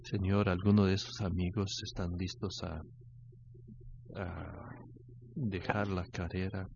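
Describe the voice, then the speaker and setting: Older guy preaching slow, really deep voice, stops and repeats himself a lot, kinda dull lo-fi sound. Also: flat delivery, vocal fry, slightly rough. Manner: halting, repeats words, grows louder telling a story. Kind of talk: sermon. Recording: dull lo-fi sound, faint background noise.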